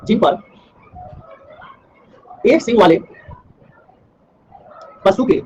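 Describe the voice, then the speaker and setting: A man's voice: high-pitched, expressive, very slow, a little mellow, breathy edge, low-quality recording. A man teaching a history class online. He asks questions and answers them himself, repeating key terms for revision. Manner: quizzes by asking and answering his own questions.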